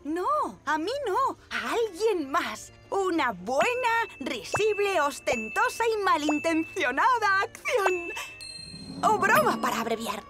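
Chica cavernícola bromista. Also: female voice, extremely high pitch, very animated, slow pace, over music, exaggerated voice. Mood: playful. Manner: bubbly, silly, theatrical. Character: playful prank-loving cave girl, goofy and bold. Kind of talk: Spanish cartoon dubbing.

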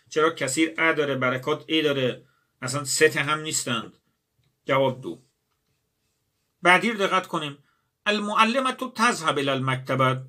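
Bright-voiced man teaching a lesson. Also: on the high side. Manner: addresses students directly, asks and answers his own questions. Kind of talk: exam-prep grammar lesson.

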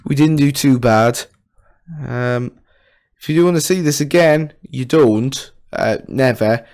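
A man's voice: medium pitch, unhurried, a little mellow. A young man hosting a casual gaming challenge, exclamatory and self-mocking, speaking close to a studio mic. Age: young adult. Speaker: video host. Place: small room at home. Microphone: studio condenser mic with pop filter, close up.

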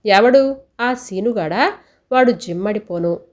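A woman doing a shrill, cursing village mother. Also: lively intonation, unhurried, close to an everyday voice. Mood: furious. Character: furious coarse village mother, middle-aged.

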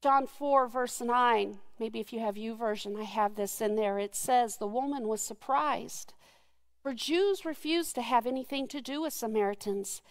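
A middle-aged woman preaching a sermon, telling a story earnestly with soft laughs. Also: a little high, normal speed.

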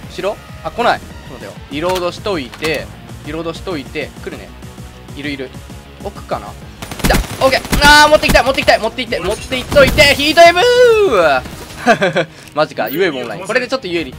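A man doing casual gameplay commentary and chat, chatty, often stammering and restarting, with excited outbursts. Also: sits high. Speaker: gaming commentator. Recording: loud game music and gunfire behind.

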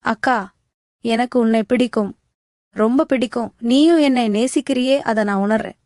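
A woman's voice: fairly high pitch, normal speed, a little mellow, no echo, clean studio sound, natural voice. A woman voicing a teenage boy, a scheming younger brother, with a pleading, coaxing manner.

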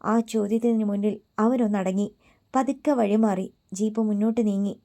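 A woman's voice: medium pitch, fairly even intonation, normal speed, dark tone. A woman reading a dramatic story aloud as an audiobook narrator, voicing the characters' lines in her own voice.

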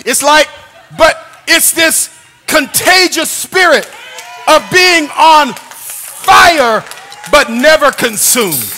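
High, bright-voiced older male preacher. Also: lively intonation, very slow, some chatter behind. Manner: humorous, shouting emphasis, call-and-response. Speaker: pastor. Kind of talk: sermon. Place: church sanctuary. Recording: long church reverb.

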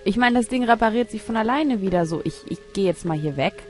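Rätselnde Frau kommentiert ihr Spiel. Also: female voice, mid-range voice, expressive, fast talker, soft background music. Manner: puzzled muttering, thinking aloud. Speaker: let's play host. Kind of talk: casual gameplay commentary.

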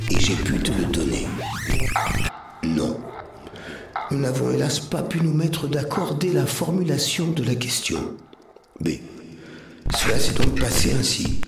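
A man giving a slow, measured dramatic reading of a dialogue, shifting between characters, heard from a distance in a roomy space with music behind him. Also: medium pitch, gravelly, noisy background. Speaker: reader.

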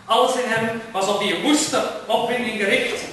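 A man giving an expressive, dramatic literary reading and narration. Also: very high voice, normal speed, a little hiss or hum. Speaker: reader and lecturer. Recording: very echoey room, far from mic.

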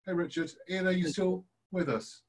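A man's voice: high voice, fairly even intonation, normal speed. A man hosting an online student session, his voice sitting a little above average for a man. He is enthusiastic and effusive as he keeps the call moving between speakers. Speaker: host, course leader. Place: home, on a video call.

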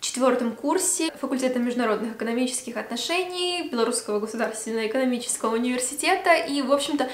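Sitting by a Christmas tree at home, a twenty-five-year-old beauty vlogger from Belarus chats through a Q&A vlog, full of fillers. She talks rapid-fire with few pauses in a high-ish voice, and the echoey room carries slight background noise.

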